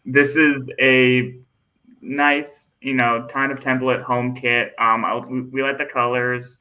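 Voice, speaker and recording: Man co-host, bright tone, relaxed kit-review banter, laughs easily. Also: medium pitch, slow pace, dull audio. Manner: easygoing, laughs often, trails off with ums. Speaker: podcast co-host. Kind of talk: casual soccer kit review chat.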